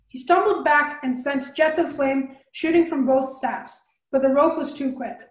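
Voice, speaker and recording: A woman reading a fantasy novel aloud as a storyteller, brisk, with small slips and restarts. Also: high-pitched, reverberant, poor audio.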